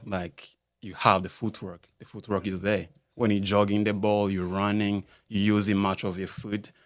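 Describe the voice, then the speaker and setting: Deep and flat in tone, this Rwandan man, a basketball skills coach, gives a casual podcast interview through a studio mic. The audio is studio quality with no echo, and he speaks haltingly, filling pauses while he looks for words.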